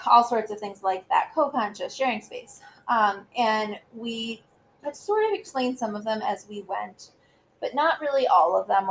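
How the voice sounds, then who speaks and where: A woman's voice: medium pitch, slight background noise, rough recording. A woman in her thirties co-hosting a podcast in casual chat, rambling with lots of fillers and giggles. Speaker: podcast co-host.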